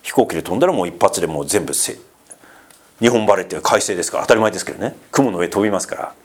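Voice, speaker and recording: A man's voice: low-pitched, lively intonation, fast talker. A man preaching a casual, conversational sermon as pastor, full of fillers and asides, asking the congregation questions and teasing them. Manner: chatty, asks the congregation questions and teases them.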